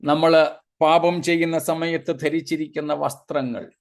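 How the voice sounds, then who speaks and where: A man's voice: fairly high pitch, fairly even intonation, moderate pace. A male pastor giving a Bible sermon, building long spoken lists and dropping in short 'praise God' asides.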